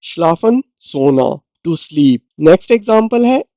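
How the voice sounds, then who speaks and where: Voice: mid-range voice, big pitch swings, slow, warm tone, dry recording, dull audio. A language teacher giving a beginner lesson, spelling out each word letter by letter and repeating it.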